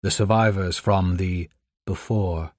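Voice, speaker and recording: A man reading scripted audiobook narration in a measured, even storytelling manner on a close microphone. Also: low-pitched, dry recording.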